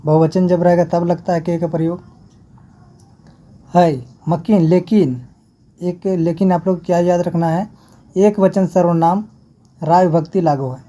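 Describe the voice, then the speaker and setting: A woman teaches an exam-prep grammar class. Her voice is very dark and mellow and sits a little low. She goes through the material step by step and repeats every example before moving on. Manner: explains step by step, repeats each example and checks with "ठीक है".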